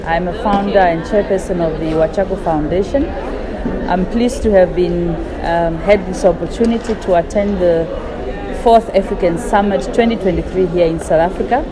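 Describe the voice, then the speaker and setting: A woman's voice: lowish voice, normal speed, rough recording. A woman from Namibia, giving an earnest, formal testimonial at a conference. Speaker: foundation founder, summit attendee. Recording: busy crowd noise behind.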